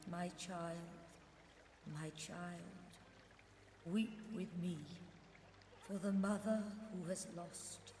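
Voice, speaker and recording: A woman's voice: on the low side, steady tone, dark tone. A woman playing a grieving, loving mother goddess in a fantasy video game, speaking in an unearthly, solemn, otherworldly manner. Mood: mournful. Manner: unearthly, slow and solemn incantation. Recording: long cavernous reverb over music.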